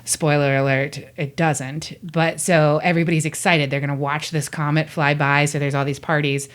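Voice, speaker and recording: A woman guest telling stories in a lively way and acting out the quotes she tells. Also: deep voice, normal speed. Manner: animated storytelling, acts out quotes. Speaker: guest, voice actor. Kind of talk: casual interview chat.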